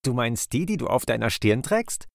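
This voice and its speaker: A man's voice: medium pitch, big pitch swings, normal speed, creaky, dry recording, pitched above the performer's own voice. A man voicing a cheeky, grinning kingfisher bird in a children's audio story, teasing and giggly.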